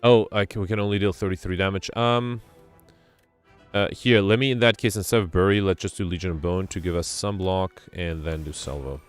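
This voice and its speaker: A man's voice: sits low, steady tone, a little fast, clean tone, soft background music. A man chatting casually while playing a co-op game, thinking aloud with frequent hesitations and ums. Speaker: streamer playing co-op. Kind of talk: casual gameplay chat.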